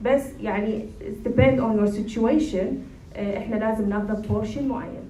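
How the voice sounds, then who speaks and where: A woman with an Iraqi Arabic accent answers a question like an expert, explaining informally. She talks very quickly in a mellow tone. The room echoes and she sounds away from the microphone. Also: on the high side, steady tone, slight background noise. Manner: instructive, checks understanding with "okay". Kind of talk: informal advice at a public talk, question and answer. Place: room at a public talk, distant mic. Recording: roomy echo, far from the mic.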